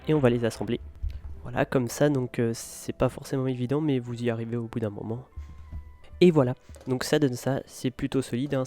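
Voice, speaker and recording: A man guiding viewers through a building tutorial in a relaxed, hesitant way, with many fillers. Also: mid-range voice. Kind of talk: casual step-by-step tutorial.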